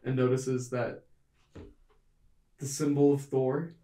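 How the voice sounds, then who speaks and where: A man narrating a tabletop game as game master, in a measured, descriptive storytelling manner. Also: mid-range voice, little pitch movement, mellow, recorded from a distance. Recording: roomy, mic set back.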